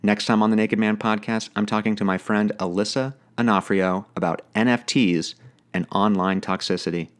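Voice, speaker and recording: A man's voice: on the low side, fairly even intonation, normal speed, clear, resonant tone. A man narrating his podcast in a reflective, personal, plainspoken way. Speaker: podcast host.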